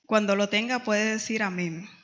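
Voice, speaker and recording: A middle-aged Dominican woman with a Dominican accent teaches a Bible class in a church hall, retelling stories with frequent hesitations. Her voice is medium-pitched and a bit bright, with fairly even intonation and a moderate pace. The lo-fi recording sounds dull and has long reverb.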